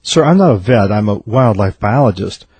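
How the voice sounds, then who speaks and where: A man voicing a calm young biologist speaking plainly and patiently in a joke. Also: on the low side, normal speed, slightly rough, dry recording. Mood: matter-of-fact. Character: calm, matter-of-fact young male biologist.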